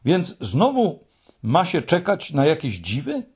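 A man's voice: on the high side, huge pitch swings, unhurried, darkish tone, breathy edge, pitched above the performer's own voice, exaggerated voice. A man reading aloud and voicing a small, curt, scoffing girl creature. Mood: sceptical. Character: small, sharp-tongued, dismissive girl creature.

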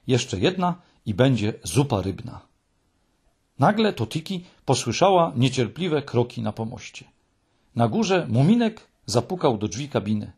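A man reading a children's story aloud in an expressive, measured way. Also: mid-range voice, slightly rough. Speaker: audiobook narrator.

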